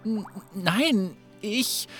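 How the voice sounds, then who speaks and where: A woman voicing a young female team leader in a video game, bossy but quick to stammer under pressure. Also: medium pitch, expressive, fairly bright tone, faint music behind. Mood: nervous.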